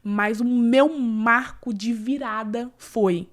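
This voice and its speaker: A woman's voice: fairly high pitch, fairly even intonation, slow. A woman, a guest telling a personal story in earnest, with many fillers and restarts. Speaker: interview guest, cleaning business owner. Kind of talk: emotional personal story in casual conversation.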